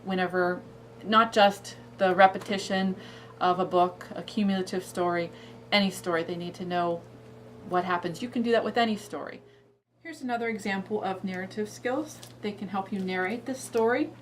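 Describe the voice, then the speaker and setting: A woman's voice: mid-range voice, normal speed, slight background noise. A woman giving an informal explanatory talk to parents as a children's librarian.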